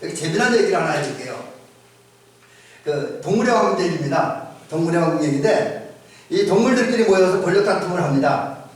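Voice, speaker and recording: A male pastor giving a conversational sermon with frequent pauses and restarts, in an echoey church recording from a distance. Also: high voice, lively intonation. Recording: echoey church sound from far off.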